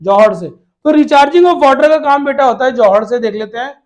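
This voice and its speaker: A man with a very high-pitched voice teaches an exam-prep lesson to children. He fires off questions and answers them himself, repeating the key words. He calls his students "beta" in a fatherly way. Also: lively intonation, moderate pace.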